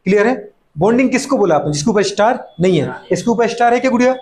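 High-voiced man teaching chemistry, teasing. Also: animated, a little mellow. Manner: playful scolding, voices students' replies; fast repeated catchphrases and rhetorical questions. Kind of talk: classroom lecture.

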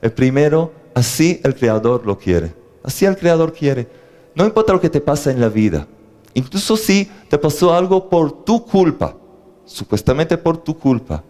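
Animated man teaching on faith. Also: fairly high pitch. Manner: animated, asks the audience questions, jokes. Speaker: religious teacher. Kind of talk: lecture on faith to a live audience.

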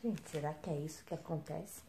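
A woman's voice: deep voice, fairly quick, background noise. A mother with a Brazilian accent filming a casual home vlog, teasing her son and calling out to viewers. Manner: playful, teasing, exclaiming to viewers. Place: home room at night.

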